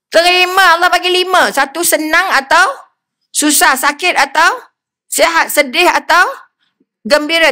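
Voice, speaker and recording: An older woman with a Malaysian Malay accent giving a lively religious lecture, often putting questions to her audience. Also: high voice. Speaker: religious speaker.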